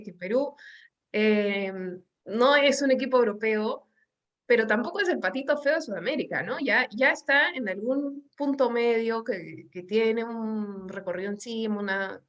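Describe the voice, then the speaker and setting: A woman's voice: fairly high pitch, fairly bright tone, muffled recording. A woman hosting a conversational interview, talking in an engaged, thoughtful way with some fillers. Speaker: interview host.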